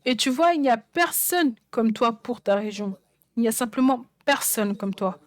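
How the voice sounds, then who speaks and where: A woman's voice: fairly high pitch, lively intonation, normal speed, no room sound. A woman preaching a sermon, emphatic and repeating phrases for stress. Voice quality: songwriter speaking of her own songs.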